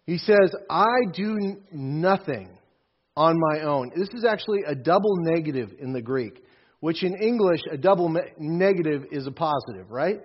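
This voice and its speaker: A man preaching a sermon with a husky, slightly high voice, leaning hard on repeated words for emphasis. The recording sounds dull and lo-fi. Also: animated, moderate pace. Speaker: pastor.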